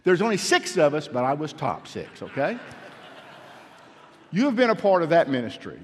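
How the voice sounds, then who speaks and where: Older man, church speaker, earnest and encouraging, slightly high voice, reverberant sanctuary. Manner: earnest, encouraging, repetitive phrasing. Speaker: university representative speaking to a church. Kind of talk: church address.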